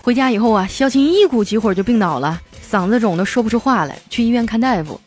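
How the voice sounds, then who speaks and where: A woman hosting a comic storytelling podcast, chatty and lively, stretching out her sentence endings. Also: a little high, fast talker, faint music behind. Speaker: host.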